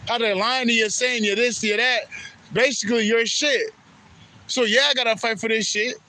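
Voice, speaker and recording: A man's voice: very high voice, steady tone, moderate pace, sharp tone. A man from Haiti giving a rambling, profane spiritual monologue that repeats itself. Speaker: spiritual vlogger.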